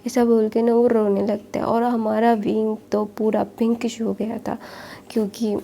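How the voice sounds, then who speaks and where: A woman's voice: a little high, flat delivery, moderate pace, creaky, dark tone, slight background noise. A woman casually retelling a fan fiction story aloud in a chatty, loose style full of filler words.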